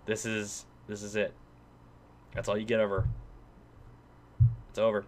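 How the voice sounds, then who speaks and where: A man's voice: on the low side, monotone, a little slow, a little hiss or hum. A man giving a crude, rambling ranting commentary. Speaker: reviewer being critiqued.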